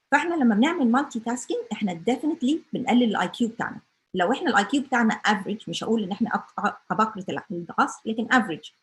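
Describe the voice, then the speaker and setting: Fast-talking Egyptian woman lecturing. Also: a little high. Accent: Egyptian Arabic. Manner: mixes in English terms, asks the audience rhetorical questions. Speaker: speaker at a church family meeting. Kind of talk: informal lecture.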